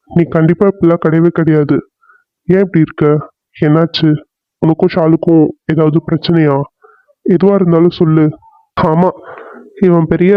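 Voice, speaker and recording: Cartoon serial: man voicing a bossy, teasing village buddy, high-voiced and blunt, lo-fi dry take. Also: dry recording, close to an everyday voice. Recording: slightly dull lo-fi dry audio.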